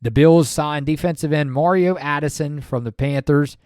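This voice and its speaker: A man co-hosting a podcast in casual sports chat, talking in an animated, rambling way with many fillers and restarts. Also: a little high, normal speed, clean tone, no echo, clean studio sound. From Maryland, USA. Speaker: podcast co-host.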